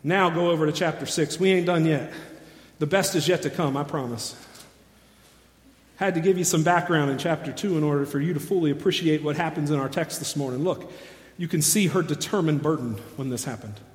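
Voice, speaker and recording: Preacher man in an echoey church hall. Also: fairly quick. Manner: builds from low and quiet to shouting and urgent. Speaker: pastor. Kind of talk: sermon.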